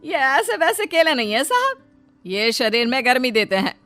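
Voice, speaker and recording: Boastful middle-aged street hawker woman, voiced by a narrator, high sing-song patter for a storybook, music beneath. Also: sing-song, normal speed, sharp tone, heavily acted. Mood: boastful, enticing. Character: boastful 55-year-old female banana street seller, chanting her pitch.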